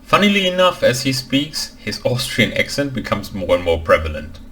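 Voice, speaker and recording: A man's voice: mid-range voice, moderate pace, soft background music, rough recording. A man from Germany who works as a language expert, giving dry, opinionated commentary in a film reaction video. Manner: dry, opinionated critique with deadpan asides.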